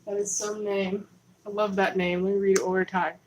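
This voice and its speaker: A woman's voice: medium pitch, level tone, a little fast, darkish tone, slight background noise, rough recording. A woman hosting a rambling, conspiratorial livestream from her home, talking casually into a camera on a holder. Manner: chatty, conspiratorial, self-interrupting. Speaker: livestream host. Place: home in Texas.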